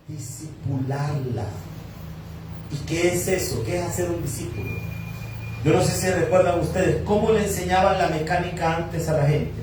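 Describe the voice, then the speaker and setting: A man's voice: high voice, warm tone, slight background noise. A man, preaching a sermon and telling a personal story, acting out the dialogue with voices. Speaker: pastor. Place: church hall. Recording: echoey hall, distant from mic.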